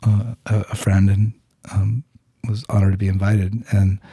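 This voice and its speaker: The podcast host's voice here is on the low side, dark and husky, with flat delivery at a measured pace, captured in a dry recording. Talking with his guest, he candidly recounts a personal story, earnestly fumbling for words, frequently starting over, and cursing bluntly.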